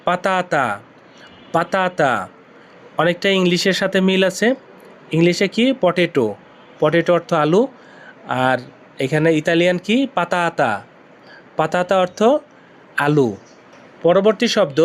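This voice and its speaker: Male teacher from Bangladesh, slightly high voice, drills vocabulary by patient repetition. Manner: repeats each word slowly several times. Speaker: language teacher. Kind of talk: vocabulary lesson.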